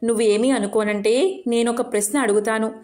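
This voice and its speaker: Woman reading a gentle old male sage. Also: fairly high pitch, steady tone, normal speed, faint music behind, lightly acted. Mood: cautioning. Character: wise old male sage, mild and cautioning. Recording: roomy echo.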